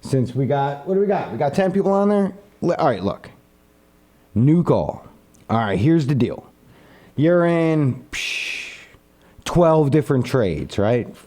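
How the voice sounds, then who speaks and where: A male live streamer with a lively, mellow voice chats casually on his stream, speaking a little slowly and pausing often. He's animated as he rambles through a pitch of an idea to his viewers, reading their comments aloud and answering them.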